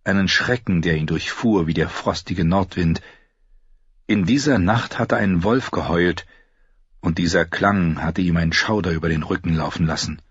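Male fantasy audiobook narrator, husky, lively delivery, dry close read. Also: low-pitched, moderate pace, no room sound, highs cut off. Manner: storytelling, dramatic, with character voices.

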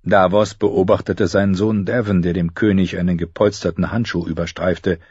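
Husky-voiced male audiobook narrator. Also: deep voice, little pitch movement, moderate pace, a little mellow, no echo, lo-fi sound. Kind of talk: scripted narration.

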